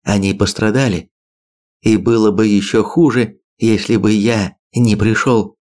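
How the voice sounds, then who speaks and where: A man reading an audiobook, voicing a stern middle-aged father with a forceful raised voice. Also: fairly low pitch, fairly even intonation, a little slow, lightly acted. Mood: arguing.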